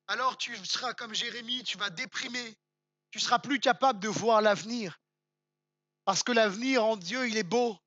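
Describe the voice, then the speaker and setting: Emphatic French pastor preaching, bright voice. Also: male voice, high voice, no echo. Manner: emphatic, repeats words for stress, rises to near-shouts; conversational asides, addresses the congregation directly. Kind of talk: sermon.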